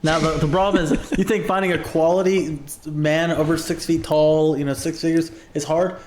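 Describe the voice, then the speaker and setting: Guy cohosting a podcast, kinda high voice, crude jokes, echoey room. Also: little pitch movement, moderate pace, a little hiss or hum. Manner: crude, joking, loud outbursts. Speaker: podcast co-host. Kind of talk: casual chat.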